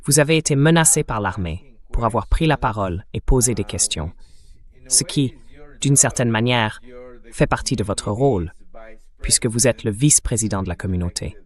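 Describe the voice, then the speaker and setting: Steady male interviewer, dubbed. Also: medium pitch, normal speed.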